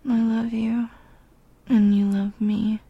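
A woman performs an ASMR role-play as a doting, commanding lover. Her voice is very breathy and fairly high, with an unhurried, coaxing delivery that stays close and intimate. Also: level tone, no echo, phone-quality sound. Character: doting, dominant female lover.

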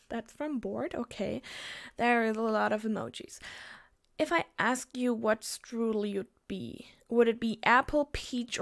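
A young German woman with a lisp and a German accent chats casually, answering her listeners' questions in a fairly high, gravelly voice. She hesitates a lot, uses many fillers, and giggles often.

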